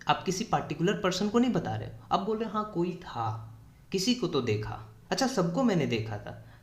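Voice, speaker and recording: A man gives a grammar lesson at an unhurried, deliberate pace. His voice sits a bit high for a man. It rings in a noticeably echoey room as he talks his students through each term. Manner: explains slowly in Hindi mixed with English terms, addresses students as children. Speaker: English grammar teacher. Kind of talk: classroom-style grammar lesson.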